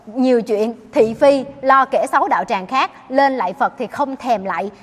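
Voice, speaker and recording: A Buddhist nun gives an earnest dharma talk, often turning questions back on her listeners. Her voice rings with the long reverb of a large hall. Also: high voice. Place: temple hall.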